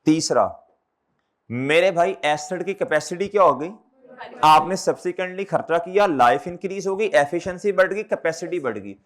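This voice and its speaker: High-voiced male accountancy teacher lecturing. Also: moderate pace. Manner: repeats questions back to students; calls students brother and children. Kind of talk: classroom lecture.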